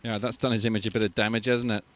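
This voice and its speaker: A man's voice: on the low side, little pitch movement, very fast, slight background noise. A man doing conversational commentary on a poker tournament, chatty and analytical, often tossing in tag questions.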